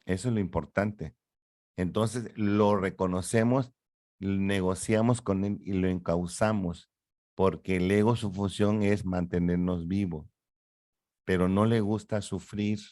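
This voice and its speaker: Middle-aged man, lowish voice, animated lecturing psychologist, dry close recording. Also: a little slow, dry recording. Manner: animated, lecturing, uses rhetorical questions. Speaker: psychologist guest. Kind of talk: explanatory interview talk.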